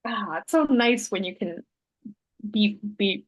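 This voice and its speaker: A woman guest talks in a relaxed, conversational way, wandering through her story. Her voice sits at an ordinary middle pitch. She stops to correct herself and fills the pauses. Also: rough recording. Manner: thoughtful, meandering, with fillers and self-corrections. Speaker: interview guest, artist and Human Design author.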